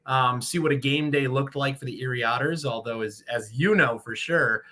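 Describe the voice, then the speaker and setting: An American man from Michigan, a sportscaster who does radio play-by-play, speaks at normal speed with medium pitch and a sharp tone. As an interview guest, he talks casually and at length.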